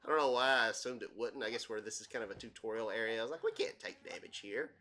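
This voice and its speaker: A man's voice: fairly low pitch, fairly even intonation, very fast, bright, forceful tone. A young man casually rambling through let's play commentary, full of fillers and self-deprecating asides. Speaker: gaming channel host.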